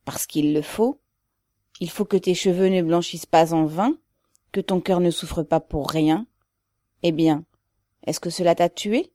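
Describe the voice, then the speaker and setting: A man's voice: fairly high pitch, unhurried, pauses often, dark tone, dry recording, studio quality, close to an everyday voice. A woman reading aloud and voicing a gaunt, bitter peasant man who speaks in a fiery, rousing way.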